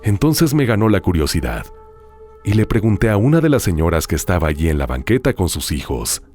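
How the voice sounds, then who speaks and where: A man hosting a show, reading listener horror stories aloud in a dramatic, hushed storytelling manner with drawn-out pauses. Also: low voice, big pitch swings, faint music behind. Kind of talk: scripted horror narration.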